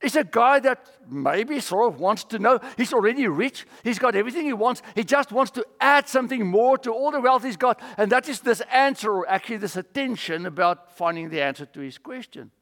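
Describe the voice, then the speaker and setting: A male preacher delivering a sermon in an animated way, with humorous asides. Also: very high-pitched, a little fast, few pauses, in a large hall.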